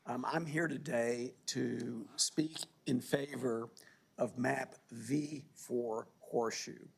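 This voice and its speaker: A man giving a formal public comment at a city council meeting, deliberate in his delivery. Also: medium pitch, fairly even intonation, gravelly, husky.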